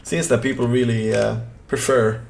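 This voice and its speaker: A young game streamer from southern Sweden, speaking with a Swedish accent, chats casually while he plays and reads chat, rambling easygoingly with many fillers and restarts. His medium-pitched voice barely moves in pitch, at a moderate pace, with vocal fry and a darkish tone. Slight background noise is present.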